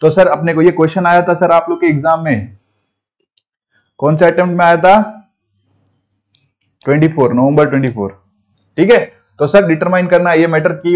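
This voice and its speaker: A man with an Indian English accent lecturing a class on auditing in a casual mix of languages, teasing students by name and slowing down to repeat key phrases. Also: fairly high pitch, a little mellow, dull audio. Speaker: CA audit teacher.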